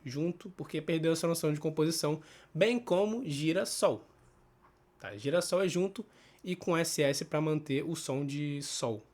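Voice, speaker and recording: A man's voice: on the high side, moderate pace, a little mellow. Chatty Brazilian man teaching spelling. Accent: Brazilian Portuguese. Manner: explains step by step, checks in with tag questions; thinks aloud with restarts and self-corrections. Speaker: Portuguese teacher. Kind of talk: casual spoken grammar lesson.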